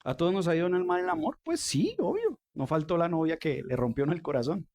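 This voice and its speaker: Colombian pastor, mid-high conversational sermon. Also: male voice, quick pace, darkish tone, slight background noise. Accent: Colombian Spanish. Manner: conversational, asks the congregation questions. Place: church.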